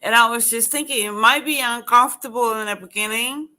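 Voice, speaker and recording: A young woman hosting an interview, thinking aloud with many pauses and fillers while she looks for her words. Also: a little high, bright, forceful tone. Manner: fills with "like", searches for words. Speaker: host.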